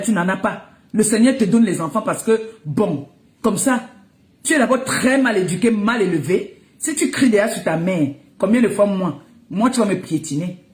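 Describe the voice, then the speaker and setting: A woman's voice: mid-range voice, a little mellow, reverberant. A woman, ranting and scolding someone on social media, mocking and breaking into laughter. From Cameroon. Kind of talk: heated live rant.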